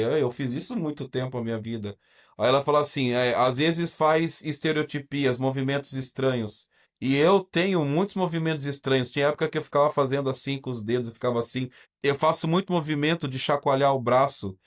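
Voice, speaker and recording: A Brazilian man with a Brazilian Portuguese accent, a guest in an interview, telling his own story in a candid, reflective way, hesitating and restarting often. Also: mid-range voice. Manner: halting, hesitant, frequent restarts and pauses. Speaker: podcast guest, teacher.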